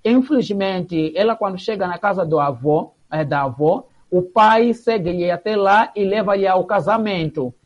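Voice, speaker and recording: A man's voice: sits high, unhurried, few pauses. A man answering interview questions hesitantly, with many fillers. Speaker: theatre association member. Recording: dull lo-fi broadcast sound.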